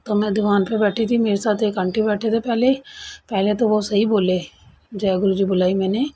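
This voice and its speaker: A woman's voice: medium pitch, steady tone, normal speed, mellow, husky. A woman earnestly recounting a personal experience to a congregation, in a casual storytelling way with retold dialogue. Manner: earnest, conversational, retells quoted dialogue. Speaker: devotee sharing experience.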